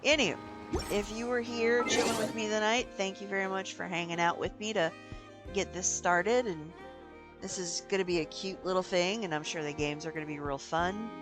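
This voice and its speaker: A woman's voice: medium pitch, fairly even intonation, normal speed. A woman game streamer chatting casually and sleepily, meandering with lots of ums. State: sleepy, yawning. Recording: game music playing behind.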